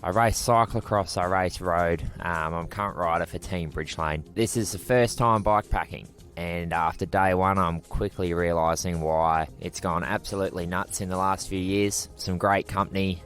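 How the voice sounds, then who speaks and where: Young australian man, very deep voice, upbeat, faint music behind. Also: normal speed, hardly any pauses. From Adelaide, Australia. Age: 20s. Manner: upbeat, relaxed. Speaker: racing cyclist.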